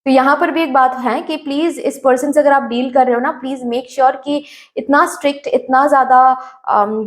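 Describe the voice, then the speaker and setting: A woman giving a tarot reading, speaking straight to the viewer, mixing English words into her Hindi and repeating phrases. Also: high voice. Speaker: tarot reader.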